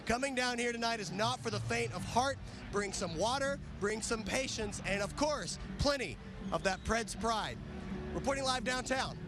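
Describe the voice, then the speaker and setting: A man's voice: sits high, lively intonation, normal speed, over music. A man reporting live for the news from a busy downtown street. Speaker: field reporter. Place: outdoors in a crowded downtown street.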